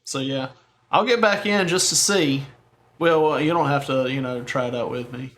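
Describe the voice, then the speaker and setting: A man's voice: medium pitch, normal speed, fairly bright tone, a little hiss or hum. A man co-hosting a gaming podcast in casual chat, rambling and correcting himself as he goes. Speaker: podcast co-host.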